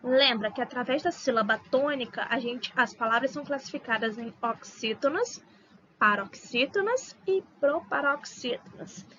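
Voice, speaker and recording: Woman teacher, Brazilian accent, high bright voice, stretched-out syllables, slightly dull lo-fi recording. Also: lively intonation, normal speed, a little hiss or hum. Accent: Brazilian Portuguese. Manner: didactic, drawing out syllables and repeating example words. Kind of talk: recorded online Portuguese lesson.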